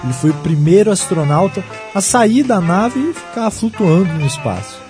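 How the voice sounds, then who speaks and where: A Brazilian man hosts with scripted historical narration. His voice sits a little high and his delivery is wry. Guitar music plays clearly behind him. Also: big pitch swings, normal speed. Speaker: narrator and host.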